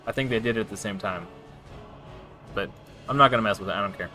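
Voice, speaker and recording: A man's voice: on the low side, fast, pushed and bright, faint music behind. A man streaming live and casually commenting on his gameplay, rambling with frequent restarts and self-corrections. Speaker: game streamer.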